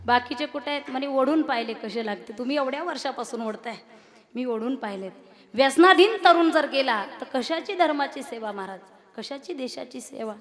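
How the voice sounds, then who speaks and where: A woman preaching a devotional kirtan sermon, impassioned and rising into loud declaiming. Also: high-pitched. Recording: long hall reverb.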